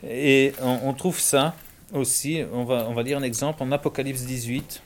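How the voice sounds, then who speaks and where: Belgian man explaining scripture calmly. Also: medium pitch. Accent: Belgian French. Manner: measured, explanatory, uses everyday examples. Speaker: Bible discussion speaker. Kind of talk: conversational Bible teaching.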